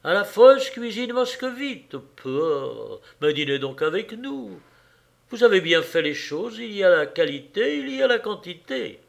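Un homme qui fait un journaliste parisien enjoué. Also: male voice, high voice, sing-song, unhurried, vocal fry, voice pushed up, full character voice. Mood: jovial. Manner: jaunty, teasing. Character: cheerful witty young Parisian journalist.

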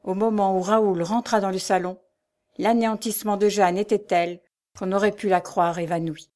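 A woman narrates an audiobook of a classic novel. Her delivery is measured, clear and expressive. Her voice sits at an ordinary middle pitch.

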